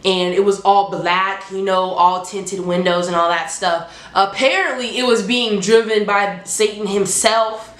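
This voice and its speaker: Woman, stuffy pinched-nose sound, allergy congestion, mid pitch, chatty slangy review, expressive, echoing room. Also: a little slow, few pauses. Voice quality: congested, nasal, like holding the nose. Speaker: movie reviewer hosting a top ten countdown. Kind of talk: casual, chatty vlog. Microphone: handheld phone. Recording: roomy, echoing home recording.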